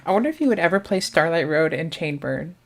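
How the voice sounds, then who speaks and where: A woman with a Southern US accent talks through a card game tournament as its commentator. Her voice sits a little low, and she is chatty, thinking aloud and picking up viewers' questions as she goes. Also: expressive, quick pace. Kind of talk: casual live game commentary.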